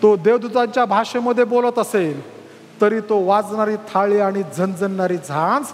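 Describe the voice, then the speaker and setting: High-voiced man preaching in a reverberant hall. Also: moderate pace, a little hiss or hum. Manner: fervent preaching that climbs to loud calls. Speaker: pastor. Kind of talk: sermon. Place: church hall.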